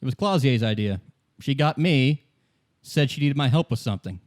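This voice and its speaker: In a tabletop radio play, a man voices a wary, bitter red-haired gunwoman in hiding, defiant, guarded and insistent, sounding dismissive and sardonic and repeating himself for emphasis. His medium-pitched delivery is expressive, at normal speed, and lightly acted.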